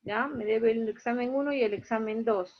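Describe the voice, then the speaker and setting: A woman's voice: a little high, moderate pace, highs cut off. A woman teaching an online class, going through her students' grades one by one and explaining each mark in a plain, matter-of-fact way.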